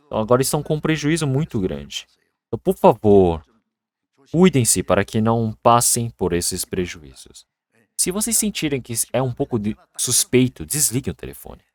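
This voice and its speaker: A male pastor preaching a Sunday sermon in an earnest way that grows lively when he tells everyday stories. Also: mid-range voice, normal speed, no room sound.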